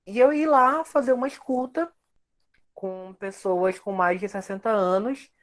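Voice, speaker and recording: A man's voice: high voice, measured pace, fairly bright tone. A young man, a researcher guest explaining his work reflectively at length. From Amazonas, Brazil. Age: young adult. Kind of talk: casual interview.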